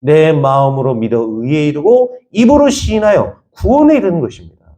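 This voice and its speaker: A man's voice: fairly high pitch, animated, normal speed, warm tone. A man from the Jeolla region of Korea, a pastor preaching a sermon with emphatic repetition and rhetorical questions to the congregation.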